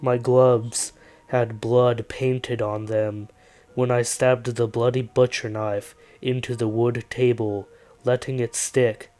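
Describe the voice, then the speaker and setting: A man narrates a dark first-person horror story at a very slow, deliberate pace. His delivery is calm and weary, with a middle-pitched voice. Faint music plays quietly beneath him. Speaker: creepypasta narrator. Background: faint background music.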